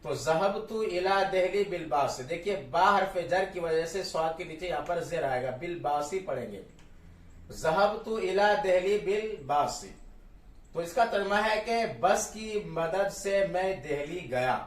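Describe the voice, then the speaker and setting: A man's voice: sits high, expressive, normal speed, hardly any pauses. A man with an Urdu accent teaching a grammar lesson, explaining step by step and repeating each example with its translation. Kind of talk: classroom-style grammar lesson. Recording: echoey room, mic at a distance.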